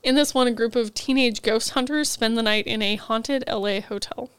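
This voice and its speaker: A woman talks casually through her reading list on a book podcast. She is fighting a cold, but her voice still comes through smooth and clear. The sound is close and dry, with no room echo. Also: a little high, normal speed, fairly bright tone. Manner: chatty, rambling book rundowns with frequent "like". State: has a cold, head foggy.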